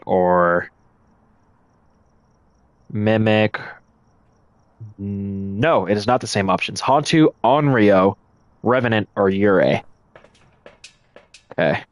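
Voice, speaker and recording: A man's voice: lowish voice, dry recording. A man streaming a ghost-hunting game live, casually thinking aloud and explaining his moves to the chat. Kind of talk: live gameplay commentary.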